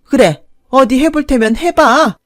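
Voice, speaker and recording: A woman voicing a brazen old stepmother-in-law who talks loud, whining and accusing. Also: fairly high pitch, animated, normal speed, dry recording, studio quality, lightly acted. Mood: scolding.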